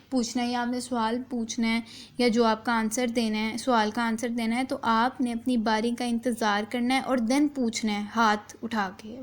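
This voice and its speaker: A woman teaching a children's class, reading a text slowly and then explaining it again in simple, repeated words, with English words mixed in. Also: a little high. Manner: reads a passage, then re-explains it simply with repetition; slow, deliberate pace for children. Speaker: school teacher.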